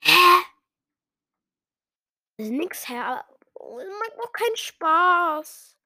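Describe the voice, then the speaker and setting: A woman's voice: extremely high pitch, very animated, takes it slowly, pushed and bright, no echo, studio quality. A woman giving casual, self-mocking commentary while playing a game, muttering some lines under her breath. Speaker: gamer.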